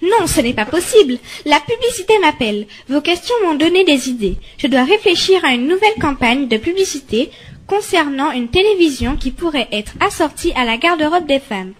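A woman's voice: high voice, very animated, moderate pace. A woman playing a wife obsessed with advertising who gushes pushy sales talk in an amateur radio skit. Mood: gushing. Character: ad-obsessed chatty immigrant wife.

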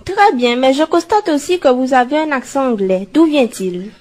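A woman's voice: high-pitched, lively intonation, moderate pace, a little mellow. A woman playing a laid-back reporter on a sunny beach, chatting leisurely in an amateur radio skit.

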